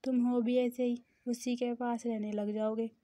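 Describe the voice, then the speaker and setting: A woman's voice: fairly high pitch, little pitch movement, measured pace, mellow, dry recording, lightly acted. A woman voicing a blunt, teasing young man who reproaches his friend, in a storybook reading.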